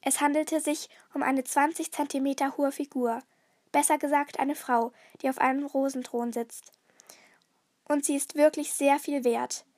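A woman's voice: high voice, little pitch movement, moderate pace, a little mellow, no room sound, clean studio sound, lightly acted. A woman voicing a grave man who owns a villa in a storybook, plainly explaining.

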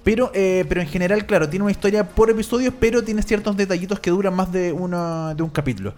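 A man's voice: sits high, fast talker, darkish tone, faint music behind. A young Chilean man chatting casually, rambling with lots of fillers and tag questions. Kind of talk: casual chat.

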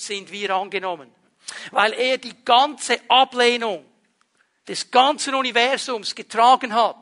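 A male pastor delivering a sermon with a high-pitched voice. His tone is bright and forceful. He preaches emphatically, then drops to hushed, intense stretches. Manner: emphatic preaching, dropping to quiet intense moments.

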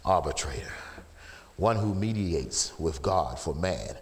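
A middle-aged man preaching a sermon as pastor, dropping to low murmurs and then rising to shouted calls of "Amen?" in a folksy, informal way. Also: lively intonation, takes it slowly. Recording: long hall reverb.

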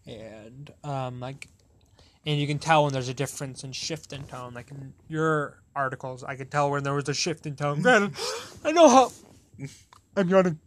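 A young man hosts a casual podcast chat, rambling, correcting himself, and laughing often. He speaks at normal speed in a mid-range, slightly bright voice with fairly even intonation.

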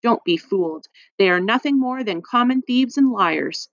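A woman's voice: a little high, expressive, normal speed, dry recording, voice pushed up. A woman voicing a cruel, spiteful hospital matron with a cold, scornful manner. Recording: dry, slightly muffled.

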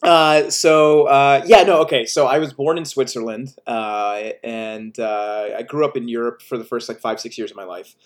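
A man in his thirties, from the United States, talking about his career as a filmmaker in a relaxed, joking way over a video call. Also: medium pitch, normal speed, hardly any pauses. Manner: relaxed, self-deprecating humor. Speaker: filmmaker guest. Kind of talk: casual video-call interview.

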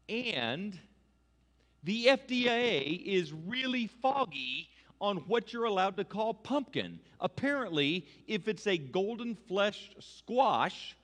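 A male pastor delivers a light, conversational sermon, teasing his congregation and getting them to join in. His voice sits a little high and swings widely up and down. The sound rings with the long reverb of a church sanctuary. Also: fairly bright tone. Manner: playful, audience-engaging, asks congregation to repeat.

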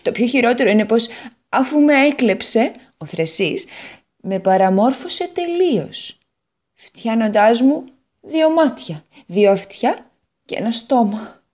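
A woman voicing a vain, chatty, naive female potato in a children's storybook read on the radio, talking in a gushing, excitable way. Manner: gushing and excitable, high and lively.

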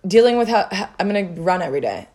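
A teenage girl co-hosting a casual chat in a relaxed, agreeable way. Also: mid-range voice, fast talker. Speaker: co-host.

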